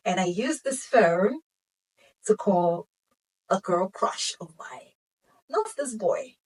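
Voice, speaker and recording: A young woman vlogger telling a casual storytime, animated and laughing, dropping to whispers and rising to exclamations. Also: medium pitch, slow, slightly rough, distant mic, rough recording.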